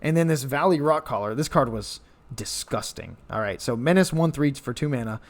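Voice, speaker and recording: A young man who makes card game content tells a casual recap of a tournament match, rambling along and correcting himself as he goes. His medium-pitched voice moves at a moderate pace, and the retelling is animated.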